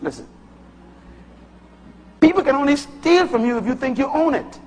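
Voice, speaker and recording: A man from the Bahamas with a Bahamian accent, preaching a sermon with emphatic bursts that rise high and drop low. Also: lively intonation, moderate pace. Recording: long hall reverb.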